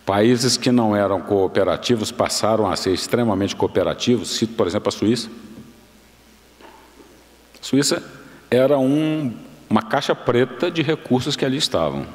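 Older man, lower voice, formal lecture at lectern mic, measured, long hall reverb. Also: animated. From Brazil. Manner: measured, explanatory, with restarts and self-corrections. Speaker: guest lecturer. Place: large university auditorium, speaking at a lectern. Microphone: lectern microphone.

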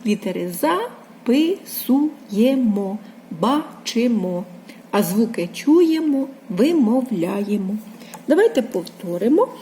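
Slow sing-song woman teacher. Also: a little high, dark tone, slight background noise. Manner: slow, sing-song sounding out of letters and syllables. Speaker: primary school teacher. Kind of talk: early reading lesson for young children.

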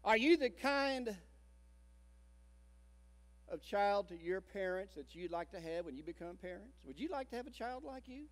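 Older man, pastor, sermon, high voice, dramatic storytelling, long church reverb. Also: animated, normal speed, pauses often. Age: 60s. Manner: dramatic storytelling, swinging from loud emphasis to hushed tones. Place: church sanctuary.

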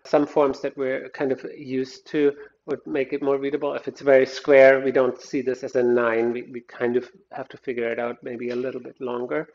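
A man's voice: mid-range voice, little pitch movement, moderate pace, few pauses, a little mellow. A man gives a design lecture, walking through slides in a plain mid-range voice. He explains as he goes, often stopping to restart a sentence. The recording sounds dull and lo-fi. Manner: explanatory, thinks aloud with frequent restarts. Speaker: design instructor.

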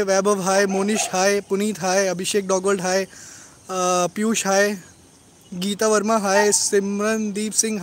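A man hosting a casual live stream about his dogs, rattling off greetings to commenters and often adding "right?" tag questions. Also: high-pitched. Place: at home among his dogs.

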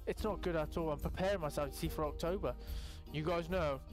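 A young man giving casual, excitable gameplay commentary, chatting and swearing freely to his viewers. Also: a little high, fast, music in the background. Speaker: gaming YouTuber.

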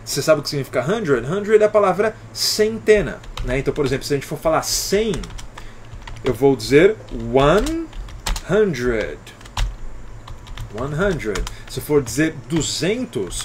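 A Brazilian man teaching an English lesson on a live stream, with a slightly raised pitch. He explains patiently and greets viewers by name. Faint noise and keyboard typing sit behind him. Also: big pitch swings, unhurried. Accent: Brazilian Portuguese. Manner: often ends with "alright?" and "né?".

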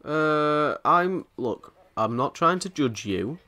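A man's voice: a little high, lively intonation, takes it slowly, sharp tone. A man giving casual commentary over a video game, joking crudely and talking back to the characters on screen. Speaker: let's play host.

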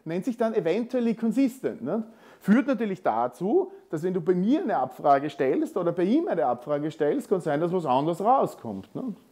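A man's voice: high voice, big pitch swings, normal speed, dark tone. A man with an Austrian accent giving a technical conference talk in a lecture hall, conversational and full of tag questions. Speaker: conference speaker.

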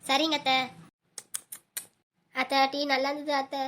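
A woman's voice: sits high, little pitch movement, a little slow, fairly bright tone. A woman playing a whiny young daughter-in-law in a comedy skit, pleading with her mother-in-law. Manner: pleading, repeating "aunt" in every line.

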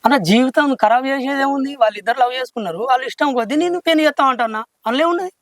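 A man's voice: very high-pitched, rapid-fire, a bit bright, no echo. A man playing an indebted village father, pleading and stubborn by turns. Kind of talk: village drama acting.

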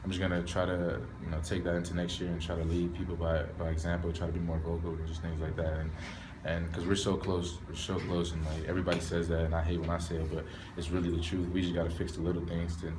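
A young man, a college football player, answering postgame questions in a low-key, candid way from a stadium hallway. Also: completely flat delivery, fast, hardly any pauses, noisy background. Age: young adult. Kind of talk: postgame press interview. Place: hallway of a stadium in front of a sponsor backdrop. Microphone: reporters' recorders held close.

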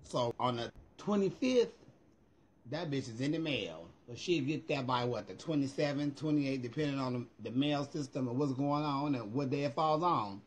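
A middle-aged American vlogger livestreams casually from a room at home, holding his phone at arm's length. He's sassy and emphatic, swearing freely, with a medium-pitched, animated voice at normal speed.

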